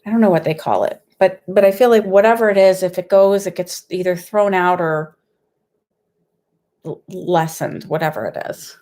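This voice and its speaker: A woman with a slightly low voice and a lisp that whistles on the s, touched by a mild cold. She talks in a casual, rambling way as a psychic medium on a livestream, keeping her volume down and pausing to find her words. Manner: hesitant, rambling, conversational; speaking somewhat quietly. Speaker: psychic medium host giving live readings.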